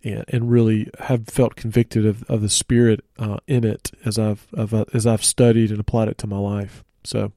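A man hosts a church teaching podcast in a relaxed, conversational way, often pausing on fillers. His voice is mellow and warm at a middle pitch. The studio sound is dry and close. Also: no room sound. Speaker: church ministry host.

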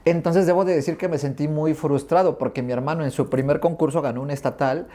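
A man's voice: on the high side, fast talker. A middle-aged man with a Mexican accent, a guest in an interview, telling childhood stories and acting out remembered dialogue. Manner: animated, acts out remembered dialogue. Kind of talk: storytelling in an interview.

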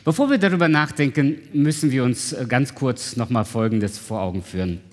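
Lively preacher in echoing hall. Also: male voice, medium pitch, fairly quick. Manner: conversational, asks the congregation questions. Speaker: pastor. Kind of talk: sermon. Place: church hall. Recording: reverberant church hall.

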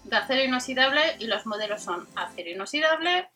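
A woman with an accent from Spain hosts an informal product rundown in a high, strikingly bright voice. She goes item by item through details and prices, with music behind her. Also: expressive, quick pace. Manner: reads out specs and prices item by item. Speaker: host of a shopping video channel.

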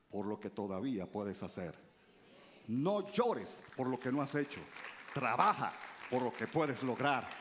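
A male pastor preaching a sermon, calling out to the congregation and swinging between loud rises and low drops. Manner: calls out to the congregation.

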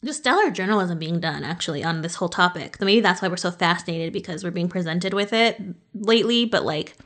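A woman's voice: on the low side, lively intonation, a little fast, fairly bright tone. A woman hosts a casual podcast conversation. She talks freely and chattily, laughs often, and drops the odd swear word. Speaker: podcast host.

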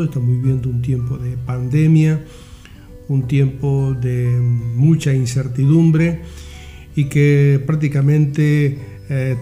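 A male podcast host talks informally in a very soft-edged, dark and relaxed voice at medium pitch. He explains things in measured, halting phrases, with music playing behind him. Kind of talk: informal solo podcast talk.

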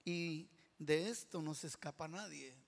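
A man preaching a sermon, building to loud shouted climaxes and dropping to whispers. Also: fairly high pitch, a little slow, creaky. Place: church hall. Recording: long reverb of a large hall.

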